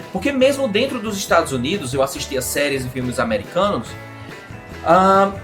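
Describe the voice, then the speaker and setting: A man's voice: high-pitched, fairly bright tone. A Brazilian man, an English teacher, explaining in a casual video lesson and answering his own questions. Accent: Brazilian Portuguese.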